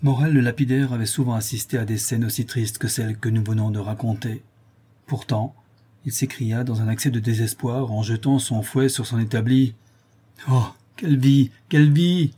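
A man reading a novel aloud in measured, even narration. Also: mid-range voice, breathy edge. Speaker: audiobook reader. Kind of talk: scripted narration.

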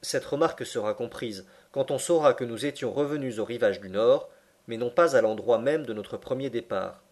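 A man narrating a literary audiobook in a measured, expressive reading voice. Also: mid-range voice.

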